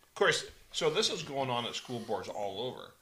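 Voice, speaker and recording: A man co-hosting a casual political chat, halting and repeating words. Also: mid-range voice, very animated, bright, forceful tone, low-quality recording. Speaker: talk show co-host.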